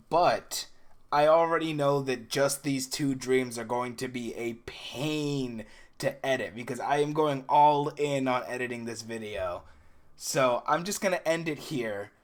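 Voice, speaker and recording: A young man recounting things in a casual first-person storytelling style, animated and acting out the dialogue as he goes. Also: mid-range voice. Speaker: video creator recounting dreams.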